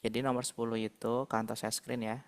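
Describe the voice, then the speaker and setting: A man's voice: mid-range voice, monotone, a little fast, clean tone. Patient male math tutor online. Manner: patient, talks through problems aloud.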